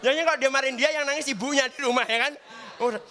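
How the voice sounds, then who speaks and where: Bright high-voiced young comedian. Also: male voice, steady tone, very fast, a little hiss or hum. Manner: chatty, keeps asking the crowd for agreement. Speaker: stand-up comedian. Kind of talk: stand-up comedy set. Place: studio stage with live audience.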